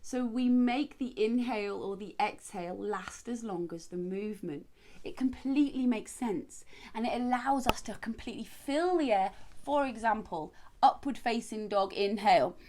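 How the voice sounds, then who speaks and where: A woman yoga teacher speaks at an unhurried, slow pace. She guides breathing practice in short, measured phrases, leaving space between each instruction. Her voice sits at a medium pitch for a woman. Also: darkish tone.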